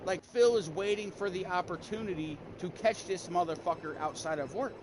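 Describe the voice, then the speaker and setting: Streamer, male, slightly high voice, angry storyteller who swears constantly, noisy capture. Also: moderate pace. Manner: profane, heated, animated retelling. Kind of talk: casual venting story. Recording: steady background noise.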